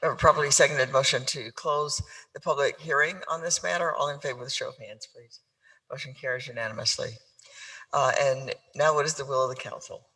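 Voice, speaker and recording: Bright-voiced mayor chairing a council. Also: male voice, medium pitch, fairly even intonation, a little fast, slightly rough, low-quality recording. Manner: formal, courteous procedural phrasing. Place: council chamber.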